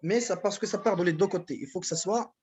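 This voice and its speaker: A man's voice: high voice, fast, darkish tone, slight background noise. A man with a Moroccan accent explaining verse to his class, hesitant and repeating words as he counts syllables. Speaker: student presenting in class. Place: university classroom.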